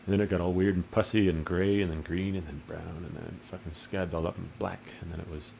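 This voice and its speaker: Man, very low voice, crude rambling gameplay commentator. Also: flat delivery, quick pace, vocal fry, dull audio, background noise. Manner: crude, profane, rambling storyteller. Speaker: gaming channel host.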